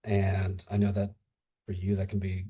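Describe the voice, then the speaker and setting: A man's voice: deep voice, completely flat delivery, moderate pace, dark tone, breathy edge. A man who teaches English, a guest in a casual podcast chat, rambling and antsy as he talks. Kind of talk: casual conversation.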